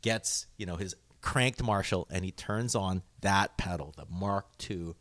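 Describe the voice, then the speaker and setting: A podcast host with a deep, slightly bright voice talks enthusiastically about guitar effects at a measured pace, laughing often in this casual gear chat.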